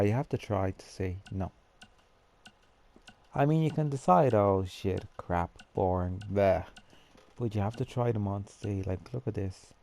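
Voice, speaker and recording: A man with a lowish, gravelly voice talks casually through a game, musing aloud and answering his own questions. His tone is dark and mellow. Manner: chatty, thinks aloud, talks to himself. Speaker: gamer building a character. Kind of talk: casual gameplay commentary.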